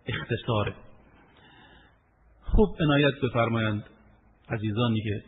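A man preaching a sermon, asking rhetorical questions, reciting Arabic verses and addressing his listeners fondly. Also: medium pitch. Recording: echoey hall over tinny phone-like line, faint hiss.

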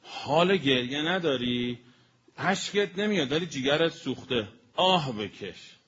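A man giving a colloquial religious sermon as a preacher. He spells out word meanings slowly and with emphasis, then speeds up. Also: fairly high pitch, animated, a bit bright, breathy edge. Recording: dull lo-fi recording with faint noise.

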